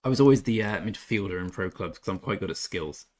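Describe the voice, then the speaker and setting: A deep, expressive voice delivered quickly belongs to a young man from England streaming a game. He chats casually, reads messages from chat aloud, and keeps making jokes at his own expense.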